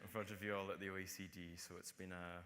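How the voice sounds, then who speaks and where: A young man of nineteen with a Hebridean Scottish accent talks about himself on a panel. His voice is low and fairly level in melody, with a forward, bright edge, ringing in a large hall. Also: flat delivery, fast talker. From Outer Hebrides, Scotland. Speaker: youth panellist, geography student. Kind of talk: unscripted personal account to an audience. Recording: echoey hall with long reverb.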